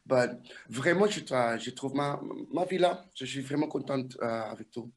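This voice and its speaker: A man from Curaçao with a Curaçao accent, a singing contestant giving an interview in halting French mixed with English. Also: medium pitch. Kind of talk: casual interview.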